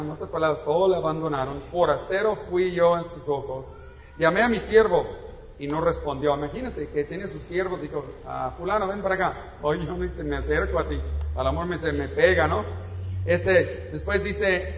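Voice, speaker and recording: Man preaching, high voice, conversational then emphatic, roomy hall reverb, muffled lo-fi sound. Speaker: pastor. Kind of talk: sermon. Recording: echoey hall, dull lo-fi sound, faint noise.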